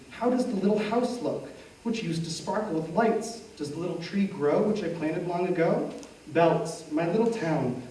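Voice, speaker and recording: A man's voice: on the high side, dark tone, slight background noise. Distant echoing man introducing a song. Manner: storytelling, reading translated lyrics aloud with small stumbles. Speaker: concert presenter. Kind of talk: spoken introduction between concert pieces. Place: concert hall. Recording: very echoey, from far off in a hall.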